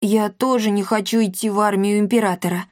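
A woman's voice: mid-range voice, steady tone, brisk, no room sound, studio quality, lightly acted. A woman voicing a timid inventor boy. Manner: hushed, conspiratorial.

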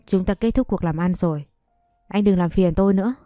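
A woman's voice: on the low side, brisk, dark tone, no room sound, clean studio sound, faint music behind, natural voice. A woman reading the lines of a wronged young woman in an audio story, pleading and accusing.

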